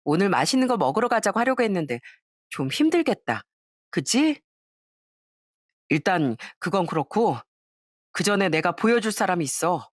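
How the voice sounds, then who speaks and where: A woman voicing a young woman caught in her lies, bright at first, then stammering and pleading. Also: fairly low pitch, sing-song, normal speed, long pauses, no echo, clean studio sound. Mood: cheerful.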